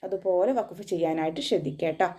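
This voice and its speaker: A woman gives a tajweed lesson at a mid-range pitch. She talks through the rules patiently and repeats them often. She stops now and then to chant a short phrase slowly as an example. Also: mellow. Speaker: Quran recitation teacher. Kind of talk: tajweed lesson, explaining then demonstrating recitation.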